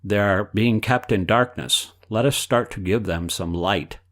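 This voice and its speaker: A man reading the part of an elderly spiritual teacher, patient and instructive. The delivery is measured and read from a book, with quote marks spoken aloud. The voice sits a little low. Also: a bit bright. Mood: explaining.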